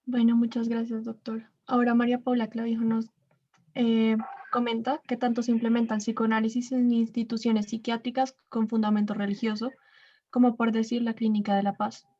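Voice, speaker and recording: A woman with a somewhat high, mellow voice moderates the session and reads questions in a flat, even tone. The sound is dull and lo-fi. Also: fairly quick. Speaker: moderator reading audience questions. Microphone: video call.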